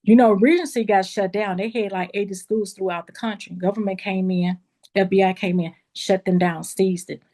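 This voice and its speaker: A woman's voice: medium pitch, normal speed. Emotional woman telling her story. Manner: animated storytelling, addresses listeners as y'all. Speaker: beauty school owner.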